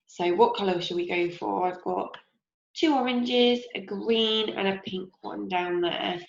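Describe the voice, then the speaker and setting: A young female primary school teacher with a slightly croaky, medium-pitched voice gently leads a craft lesson for young children in a home kitchen. She speaks slowly and encouragingly, asking the kids questions as she goes. The recording sounds roomy, dull and lo-fi.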